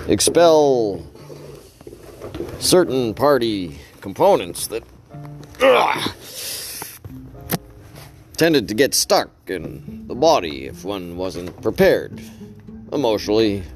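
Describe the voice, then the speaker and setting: Male storyteller, low and slow, dry deadpan delivery with long pauses. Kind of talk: wry first-person story narration.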